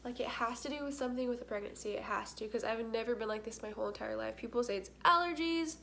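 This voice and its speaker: A woman's voice: fairly high pitch, fast talker, gravelly, bright, forceful tone, a little hiss or hum. A young woman talking candidly to her camera, with a congested nose and short of breath, filling her talk with "like". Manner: chatty, candid, many fillers, stuffy-nosed. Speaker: vlogger.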